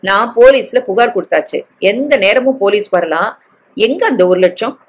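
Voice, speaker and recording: A woman reading aloud who voices a betrayed young wife, cutting and sharp, her voice rising. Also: medium pitch, animated, moderate pace. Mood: cold fury.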